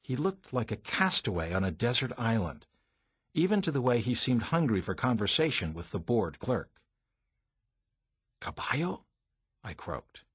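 Husky-voiced man narrating an audiobook. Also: mid-range voice, sing-song, moderate pace, fairly bright tone, no room sound. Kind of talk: first-person audiobook narration.

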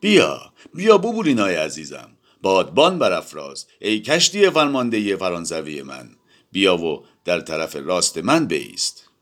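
A man voicing a boisterous, impulsive older man who declaims loudly and exuberantly in a storybook reading. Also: low voice, very animated. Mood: boastful.

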